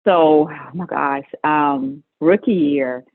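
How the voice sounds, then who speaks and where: A middle-aged woman being interviewed, telling stories in a lively way and laughing often. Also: sits low, slow, no echo. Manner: lively storytelling with frequent laughs. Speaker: guest, mother of an NBA player. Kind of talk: conversational interview storytelling. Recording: tinny phone-line audio, dry.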